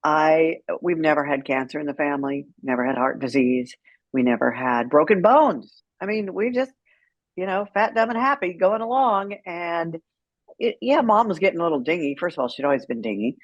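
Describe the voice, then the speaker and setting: The voice is low-pitched and moderately paced, recorded dry and lo-fi: a middle-aged American woman guesting on an interview. A caregiver advocate, she tells stories candidly and wryly, animatedly quoting dialogue.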